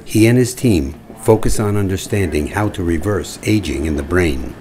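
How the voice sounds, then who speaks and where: A male narrator with a very low, deep voice reads a scripted introduction in a measured way. Clear background noise runs under the voice-over. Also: expressive.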